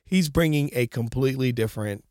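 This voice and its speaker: Speaking at a medium pitch and a little fast, this man's voice is a little mellow but congested and nasal. He hosts a co-hosted podcast, talking casually with emphasis and repeating himself to make points. The sound is clean studio audio with no room sound.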